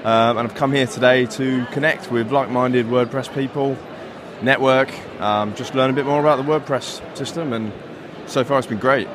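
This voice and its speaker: A man working in business development, chatting in a friendly, relaxed way in a quick interview. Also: medium pitch, noisy background. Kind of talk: vox pop interview.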